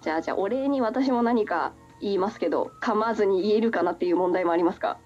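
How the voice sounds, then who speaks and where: A woman's voice: medium pitch, fast, darkish tone, dull audio, soft background music. A woman hosting a casual chat. She giggles a lot and teases her guest playfully. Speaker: podcast host.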